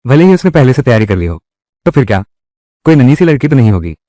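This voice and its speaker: A menacing tough guy from a dubbed revenge drama, voiced by a man. His pitch swings widely as he threatens, and the close studio recording is dry with no room sound. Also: big pitch swings, fast talker, dark tone, no echo, lightly acted. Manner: threatening, confrontational delivery. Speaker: dubbing voice actor. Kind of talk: Hindi dub of a live-action drama.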